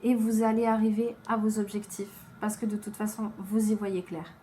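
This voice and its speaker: A woman giving a slow, gentle tarot reading to viewers, tired and low on energy, with frequent hesitations. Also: little pitch movement, slight background noise. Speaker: tarot card reader.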